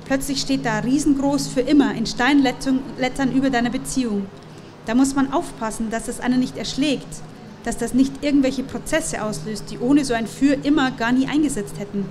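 An evasive young man, read by a woman in a fairly high voice, hedging and talking himself around the subject. Steady ambient noise sits under the reading. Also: normal speed, close to an everyday voice. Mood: defensive. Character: young adult man Anton, evasive about marriage.

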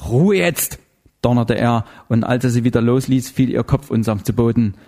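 Man reading an audiobook, mid voice, steady and dramatic. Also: medium pitch, fairly quick. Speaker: audiobook narrator. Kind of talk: scripted narration.

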